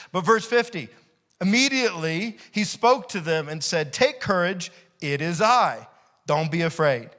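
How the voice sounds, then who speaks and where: Preaching man with a bright, higher voice. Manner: preaching with rising intensity, repeating key phrases, quick laughs. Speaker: pastor. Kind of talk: sermon. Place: church sanctuary.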